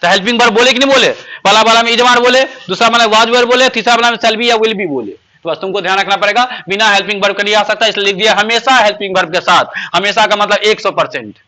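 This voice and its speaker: A man teaches grammar to a class. His voice sits high and sounds sharp and forceful. He peppers his pupils with questions and slows right down to stress each English example sentence. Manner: asks pupils constant rhetorical questions; says English example sentences slowly and emphatically.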